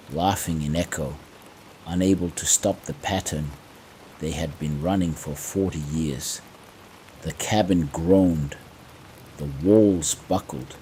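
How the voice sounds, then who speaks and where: A man narrating scripted horror stories to fall asleep to, in hushed, creeping, ominous tones with measured, dramatic pauses. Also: rumbling low, a little hiss or hum, rough recording. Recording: faint rain ambience behind. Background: soft rain sounds.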